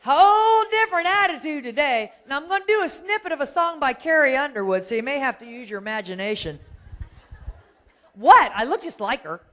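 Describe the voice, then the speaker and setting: A middle-aged woman giving a comic keynote talk, chatty and animated, asking the audience questions and laughing at her own jokes. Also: sits high, fast, few pauses. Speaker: keynote speaker. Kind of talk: stand-up style comic keynote. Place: large conference hall. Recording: echoey hall with faint noise.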